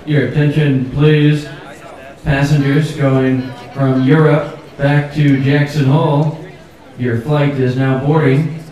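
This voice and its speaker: A man's voice: on the high side, pitched above the performer's own voice. A man putting on a formal male airport gate announcer, heard over an intercom. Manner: slow, formal, monotone announcing. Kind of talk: comic soap opera parody. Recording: echoey loudspeaker sound from far off, faint music behind.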